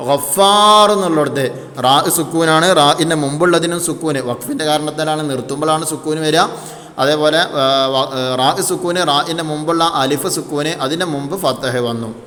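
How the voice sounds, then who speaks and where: A man gives a patient tajweed lesson in a slightly high voice. He keeps posing questions and answering them himself. His voice trails off into a long reverb. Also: normal speed, a bit bright. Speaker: Quran recitation teacher.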